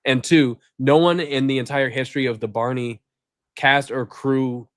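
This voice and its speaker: A man's voice: mid-range voice, steady tone, moderate pace, fairly bright tone, no room sound, clean studio sound. A man hosting a casual group chat over a video call, rambling with fillers and laughing often. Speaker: podcast host.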